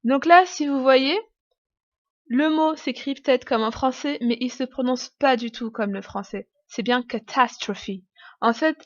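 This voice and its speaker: A woman's voice: fairly high pitch, dry recording, dull audio. A woman giving an online English lesson, explaining step by step with frequent fillers and restarts. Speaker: English teacher.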